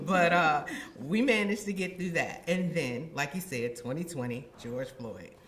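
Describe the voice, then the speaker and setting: Lively, lower-pitched woman giving a speech. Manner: expressive, acts out her own past thoughts. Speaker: university administrator giving a ceremony speech. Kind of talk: heartfelt ceremony speech. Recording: echoey room.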